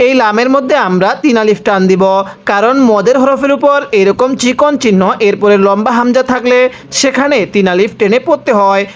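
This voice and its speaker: This Bangladeshi man, a Quran teacher, speaks at an extremely high pitch and a normal speed. He spells out every letter and vowel mark one at a time, posing questions and then answering them himself.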